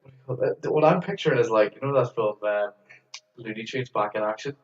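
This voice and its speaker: A man's voice: lowish voice, quick pace. A man co-hosting a podcast, chatting casually with eager enthusiasm and stumbling restarts. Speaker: podcast co-host. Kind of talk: casual chat. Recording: roomy, distant, dull lo-fi sound.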